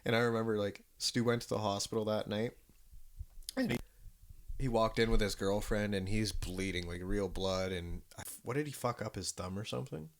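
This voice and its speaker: Rambling low-voiced man chatting casually. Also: normal speed. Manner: rambling, swears freely, many restarts and fillers. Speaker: podcast co-host. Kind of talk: casual chat.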